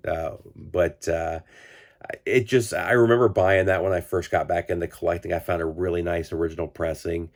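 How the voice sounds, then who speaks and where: A man in his forties with a drawl talks through a stuffy, congested nose. His voice sits very low, and he rambles in a relaxed vlog style, full of ums and restarts. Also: normal speed. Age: 40s. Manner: rambling, many fillers and restarts. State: congested, recovering from illness. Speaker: vinyl collector channel host. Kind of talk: casual record-collecting vlog.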